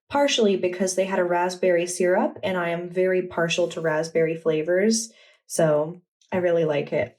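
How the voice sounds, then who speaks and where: A young adult woman vlogger chatting in a relaxed, enthusiastic way as she walks through her journal. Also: on the low side. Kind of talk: casual vlog narration.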